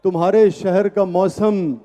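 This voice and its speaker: A man reciting tender romantic ghazals at a live poetry gathering, declaiming each line slowly and repeating it. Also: sits high, steady tone, mellow. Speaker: poet reciting at a mushaira.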